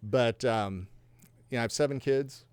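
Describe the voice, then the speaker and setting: Appearing on a podcast, a fifties-aged man with roots in Georgia and Texas shares the story of his faith in a sincere, thoughtful way, now and then poking fun at himself. He has a clear, resonant, slightly mellow mid-range voice, speaks at a measured pace, and the recording is dry.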